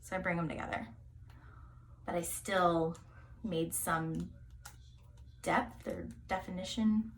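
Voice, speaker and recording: A woman's voice: lowish voice, fairly even intonation, slow, pauses often, recorded from a distance, slight background noise. A young woman rambling casually through a hair tutorial, full of fillers and asides, sometimes dropping to a whisper. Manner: chatty and rambling, many fillers, drops into whispers.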